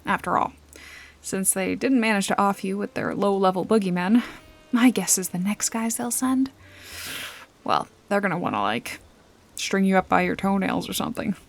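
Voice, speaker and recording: This time the woman's mid-range voice is animated and moves at a moderate pace while she plays the sharp-tongued detective-bodyguard of a noir ASMR roleplay. She stays breathy, dips toward a whisper, and mixes teasing with offhand threats in a sardonic, menacing mood.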